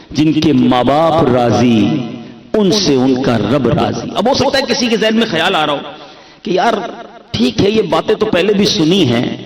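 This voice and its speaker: A man's voice: fairly high pitch, roomy sound, rough recording. A man from Karachi preaching a sermon to a gathering, dramatic, acting out dialogue and asking rhetorical questions. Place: gathering near a graveyard.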